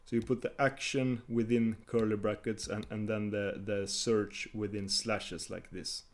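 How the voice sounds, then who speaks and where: A man's voice: lowish voice, flat delivery, measured pace. Hesitant man explaining code with fillers. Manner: hesitant, many fillers and restarts while typing. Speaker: tutorial host. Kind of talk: screencast coding tutorial.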